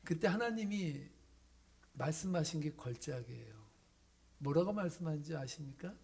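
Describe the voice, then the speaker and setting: A man pastor preaching a sermon, telling a story dramatically and swinging from loud lines to hushed whispers. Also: on the high side, lively intonation, moderate pace, breathy edge.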